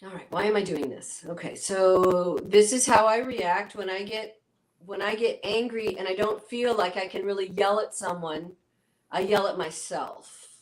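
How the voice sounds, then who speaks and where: A woman's voice: medium pitch, unhurried, rough recording. A middle-aged woman speaking as a guest on an interview show, acting out her inner dialogue in quoted voices as she explains. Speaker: guest, spiritual healer and coach. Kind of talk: conversational interview.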